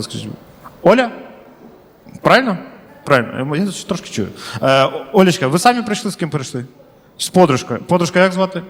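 A man's voice: a little high, big-room sound. A male stand-up comedian doing crowd work in a comedy club, chatty and slangy, swearing freely.

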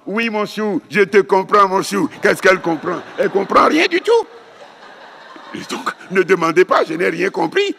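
Older man, charismatic preacher, animated storytelling, long reverb of a big hall. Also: mid-range voice, creaky. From West Africa. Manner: animated storytelling, demonstrates chanted syllables. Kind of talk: charismatic teaching.

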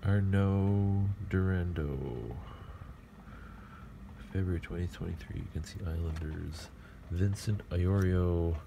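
A middle-aged man casually murmuring player names as he opens hockey card packs at a table, clearing his throat often. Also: deep voice, slow pace, noisy background. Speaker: card collector opening packs. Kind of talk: casual pack-opening commentary. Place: indoor table at home.

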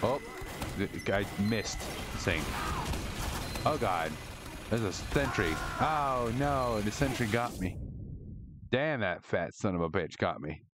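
A man streaming a shooter game live, commenting excitably, swearing a lot and rambling to his chat. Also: lowish voice, slow pace, pauses often, background noise. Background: game music.

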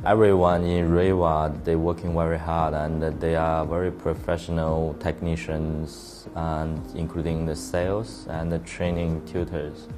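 A man with a very deep voice speaks in a flat, even tone. He answers in clipped phrases, listing points one by one. Clear music plays under the interview. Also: measured pace, few pauses. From Australia. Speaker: training course participant. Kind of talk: interview testimonial. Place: indoor studio with grey backdrop. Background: music bed.

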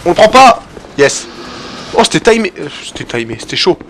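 A man giving excitable gameplay commentary, swearing often and talking to his viewers, with loud game sound behind him. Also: high-pitched, brisk. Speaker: gaming channel host. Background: game audio and noise.

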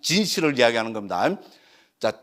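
A man's voice: medium pitch, sing-song, brisk, fairly bright tone. A middle-aged man with a Gyeongsang Korean accent, a Buddhist monk lecturing on scripture and constantly tossing rhetorical questions to his listeners. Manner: peppers talk with rhetorical questions.

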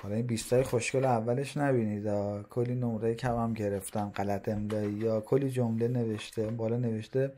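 A man's voice: lowish voice, fairly even intonation, hardly any pauses, dark tone. A man in his thirties from Iran gives walking tour commentary outdoors, talking in a reflective, nostalgic, conversational way as he walks city streets. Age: 30s. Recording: street noise clearly audible. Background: traffic and street ambience.

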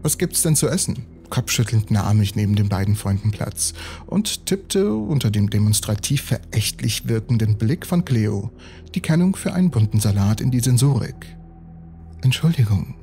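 A man reading a bedtime story as a calm, even storyteller. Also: fairly low pitch. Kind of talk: scripted bedtime story narration.

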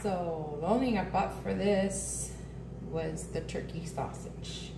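A woman's voice: lowish voice, takes it slowly, gravelly. Chatty woman cooking in a roomy kitchen. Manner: chatty, thinking aloud with ums. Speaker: home cooking vlogger. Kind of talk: casual cooking vlog narration. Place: home kitchen, indoors. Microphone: camera phone set on the counter, a few steps away. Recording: roomy, distant with loud background noise.

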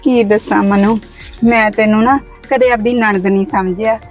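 A woman playing a put-upon young wife, soft and complaining, in a family drama. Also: medium pitch, steady tone, moderate pace, soft background music, natural voice. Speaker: younger sister-in-law. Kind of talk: village family drama acting.

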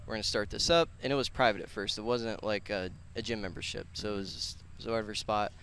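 A fast-talking gym owner and personal trainer in his twenties, with a fairly low, fairly bright voice, rambles casually and earnestly in slangy speech as a podcast guest. He's on a headset mic outdoors on a concrete patio, with slight background noise.

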